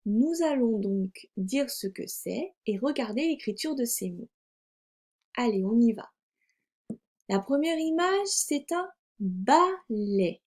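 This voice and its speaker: A woman teacher giving a recorded phonics lesson to young children, articulating slowly and carefully. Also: a little high, animated, dark tone. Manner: slow, careful, over-articulated delivery. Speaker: primary school teacher.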